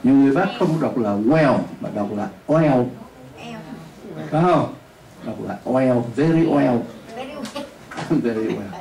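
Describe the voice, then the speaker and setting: Thầy giáo nói giọng Bắc, phòng vang vọng. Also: male voice, mid-range voice, dark tone, slight background noise. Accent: Northern Vietnamese. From northern Vietnam. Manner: drills students, repeats words slowly for them to echo. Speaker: English teacher. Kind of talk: classroom pronunciation lesson. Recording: echoey room, voice from a distance.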